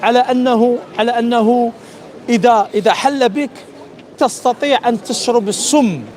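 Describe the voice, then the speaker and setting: A man's voice: extremely high pitch, steady tone, moderate pace, a little mellow, a little hiss or hum. A man preaching in a religious debate, insistent and often repeating his phrases.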